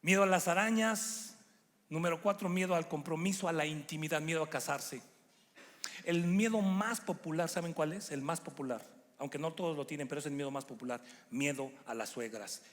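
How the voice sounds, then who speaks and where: A middle-aged man preaches from a church stage, his voice sitting a little high for a man. He talks with animation and slips into put-on voices for the people he quotes. The sound rings with the long reverb of a big hall. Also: normal speed, fairly bright tone. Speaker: guest preacher. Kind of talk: sermon.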